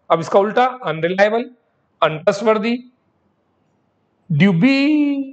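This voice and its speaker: High-voiced man teaching vocabulary. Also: a bit bright. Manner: addresses students as beta, repeats words in drills. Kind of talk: classroom vocabulary lesson. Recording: dull lo-fi recording.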